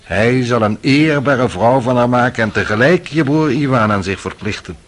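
With a natural, medium-pitched voice at a moderate pace, a male actor portrays a radio drama's cynical, worldly young man. The character comes across as sly, needling, and sardonic, his tone mocking and insinuating.

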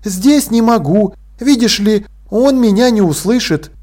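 A man voicing an awkward young prince at school who talks hesitantly and a little gruffly. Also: high voice, animated, a little slow, darkish tone, pitched above the performer's own voice.

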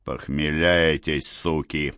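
A man's voice: extremely low pitch, fairly even intonation, takes it slowly, a bit bright, dry recording, studio quality, voice pushed down, full character voice. A male narrator voicing a crude, growling male racketeer in an audiobook. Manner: growling, rude. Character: rough red-haired male racketeer, crude. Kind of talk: audiobook character voice.

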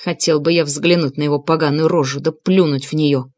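A woman reading an audiobook, voicing a blustering middle-aged man who tries to sound menacing and gruff. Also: sits low, fairly even intonation, fairly quick, darkish tone, no room sound, voice pushed down. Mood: sullen.

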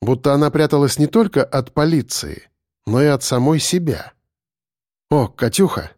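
A man narrating an audiobook in an expressive, storytelling way. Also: on the high side, normal speed, dry recording, studio quality. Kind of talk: scripted narration.

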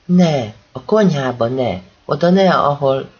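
A man's voice: fairly high pitch, expressive, a little mellow, breathy edge, highs cut off. A man voicing a nervous, evasive teenage boy.

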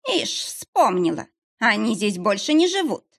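A woman's voice: fairly high pitch, very animated, pitched above the performer's own voice. A woman reading an audiobook, voicing a hostile, coarse woman of about forty who sneers and draws out her words. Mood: hostile sneering. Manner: snarling, drawn-out sneering. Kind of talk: audiobook character voice.

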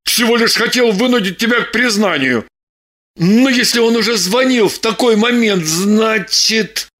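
A woman voicing an excitable, suspicious man with agitated exclamations. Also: on the high side, unhurried. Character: excitable, suspicious young-ish man, her lover.

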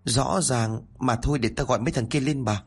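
A man's voice: mid-range voice, a little fast, gravelly, breathy edge, soft background music. A man voicing an anxious young village woman in a storybook reading, talking urgently and pleadingly.

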